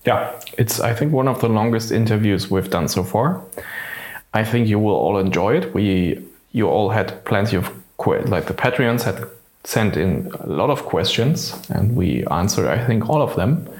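Male co-host, non-native English speaker, relaxed and chatty, slightly low voice, recorded with a strong roomy echo. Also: normal speed. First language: not English. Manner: relaxed, chatty, loose phrasing with self-corrections. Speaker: podcast co-host. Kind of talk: casual podcast intro. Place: unfinished studio under construction. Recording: echoey, roomy studio sound.

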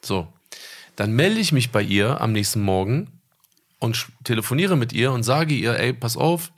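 A man's voice: medium pitch, expressive, moderate pace. A man in his thirties, co-hosting a podcast in casual chat, telling a story at length in a laid-back, slangy way and acting out phone calls. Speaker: podcast co-host.

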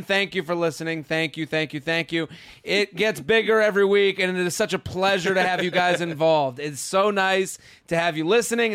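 This comedy podcast host has a high, gravelly, sharp-toned voice. He kicks things off with high energy, hyping himself up, repeating himself and chatting casually as he plugs the show to his audience.

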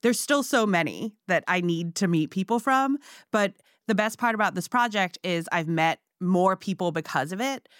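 A woman's voice: mid-range voice, lively intonation, moderate pace, dry recording, clean studio sound. A woman who grew up in Singapore and Hong Kong, chatting casually as a podcast guest with lots of fillers. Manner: chatty, frequent fillers, laughs easily. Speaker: guest, pie baker. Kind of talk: casual interview chat.

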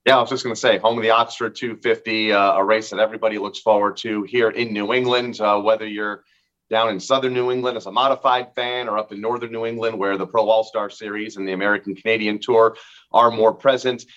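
A man's voice: fairly low pitch, brisk. Male racing co-host, slightly muffled sound. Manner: steady, informative, some fillers. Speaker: podcast co-host. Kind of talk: racing news recap.

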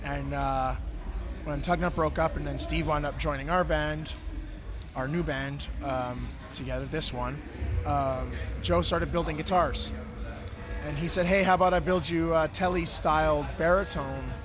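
A man's voice: fairly high pitch, steady tone, a little slow. A man with a voice cracking and strained from screaming, giving casual, thinking-aloud answers as a musician in an interview. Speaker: band musician being interviewed. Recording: outdoor urban festival, music behind.

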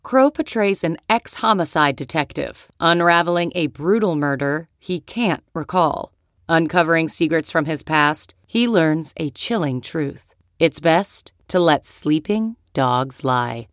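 A woman's voice: sits low, animated, a little slow, no room sound, clean studio sound. A woman announcer reading a scripted advertisement for a film.

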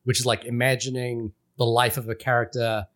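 A man's voice: mid-range voice, flat delivery, brisk, a bit bright. A man from Fiji, a podcast co-host, talking through a film in casual, rambling chat full of restarts and fillers.

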